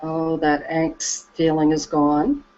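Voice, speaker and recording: A woman talking slowly and reflectively about her calm as a Reiki practitioner, soft and hesitant with many pauses and restarts. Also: deep voice. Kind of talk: slow reflective conversation. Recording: dull lo-fi recording.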